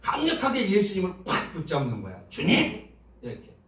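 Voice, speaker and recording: A man's voice: high-pitched, very animated, normal speed, a little mellow. A man preaching a sermon as pastor, talking conversationally and asking the congregation questions. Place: church sanctuary. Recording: roomy church sound from a distance.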